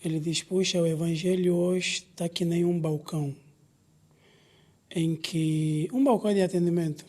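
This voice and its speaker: High-pitched mellow man, measured. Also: steady tone. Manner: measured, with soft affirming murmurs. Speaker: podcast co-host, psychologist. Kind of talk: casual conversation.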